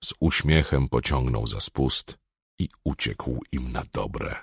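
A man's voice: rumbling low, slow, vocal fry, breathy edge, dry recording, studio quality. A man reading an audiobook aloud in a dramatic style, swelling on tense moments. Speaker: audiobook narrator. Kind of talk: scripted audiobook narration.

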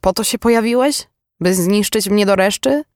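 Man raising his voice for a bitter young woman, higher-pitched, intense, dry close recording, audiobook character. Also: normal speed, a little mellow, dry recording. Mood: weary reproach. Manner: intense, emotionally charged delivery. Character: weary, bitter young woman, wounded and defiant.

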